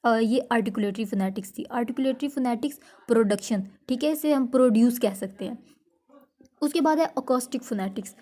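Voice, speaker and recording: A woman teacher lectures in a mellow, warm voice that sits a little high. She reads English definitions out slowly and then explains them in Hindi, checking in with her listeners again and again. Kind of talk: classroom lecture.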